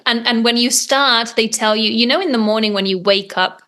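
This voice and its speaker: A woman's voice: fairly high pitch, brisk, pushed and bright. A young adult woman, a metal singer, chatting enthusiastically in an interview, with plenty of ums and restarts. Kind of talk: casual interview chat.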